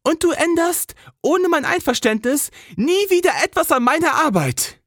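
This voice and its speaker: A narrator voicing a proud, fiery young woman in a romance audiobook, sharp and indignant. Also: high voice, big pitch swings, moderate pace, dry recording, studio quality, voice pushed up. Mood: firm.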